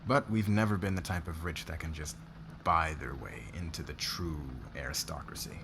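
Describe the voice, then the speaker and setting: In an intimate ASMR roleplay, a man plays a demanding, guarded noble boss burdened by debt, talking haltingly between sighs. His voice rumbles low with vocal fry over a noisy background, and he sounds weary and confiding.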